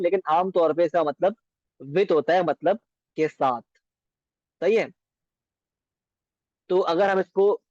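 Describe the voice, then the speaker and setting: A man teaching beginner Arabic in a patient lesson, repeating words slowly and often asking if it is clear. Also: sits high, darkish tone, dry recording, lo-fi sound.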